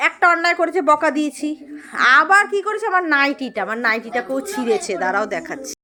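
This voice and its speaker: Very high-pitched, animated woman vlogger. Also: fast talker. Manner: animated, playfully scolding and repeating herself. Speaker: vlogger showing her pet. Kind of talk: casual chat to the camera.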